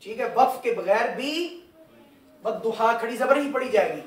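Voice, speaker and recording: Brief: high-pitched male teacher, patient and repetitive, recorded far off in a roomy mosque hall. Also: moderate pace. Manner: patient, repeats and quizzes students. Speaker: religious teacher. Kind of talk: Quran recitation lesson. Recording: echoey hall, far from mic.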